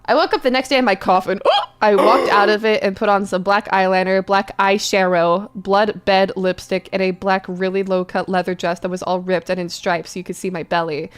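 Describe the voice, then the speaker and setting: Her mid-range voice is steady and clean as she hams up a reading of poorly written fan fiction for her stream. She keeps the deliberate misspellings intact, turning the whole thing into an over-the-top theatrical performance.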